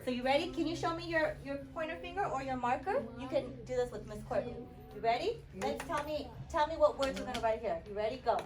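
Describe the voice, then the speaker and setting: A woman's voice: high-pitched, fast. A woman kindergarten teacher leading an interactive classroom lesson like a kids show host, prompting young children with short, repeated questions and instructions and sounding out letters. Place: classroom, voice picked up from a distance. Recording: distant mic, noisy classroom.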